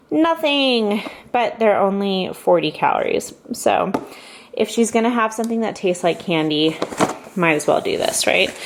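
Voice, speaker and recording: A woman's voice: mid-range voice, background noise. A young pregnant woman chatting casually and upbeat as a vlogger at home, with lots of fillers and asides. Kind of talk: casual haul vlog chat.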